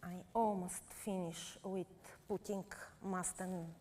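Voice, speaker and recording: A Bulgarian woman painter with a Bulgarian accent and Bulgarian as her first language, demonstrating live before an audience. She speaks in halting, simple English with many pauses. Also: fairly low pitch, steady tone, warm tone, slight background noise. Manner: halting non-native English with frequent uh pauses.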